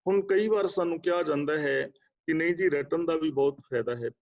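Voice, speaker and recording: A man's voice: a little high, creaky. Man giving a scripture talk, lo-fi. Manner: chants scripture lines slowly, then explains them conversationally. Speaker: Sikh scripture teacher. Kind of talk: religious discourse class. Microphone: video call. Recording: dull lo-fi online call audio.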